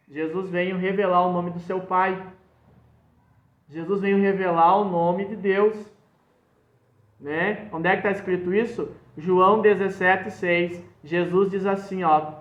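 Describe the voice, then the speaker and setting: High-voiced pastor preaching. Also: male voice, reverberant, muffled recording. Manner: emphatic preaching, quoting scripture verses. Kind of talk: sermon.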